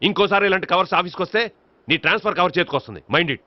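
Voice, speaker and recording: A man's voice: sits high, racing, no room sound. A man in a comic film scene, playing a stern office manager. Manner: stern, threatening. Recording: dull film soundtrack, faint noise.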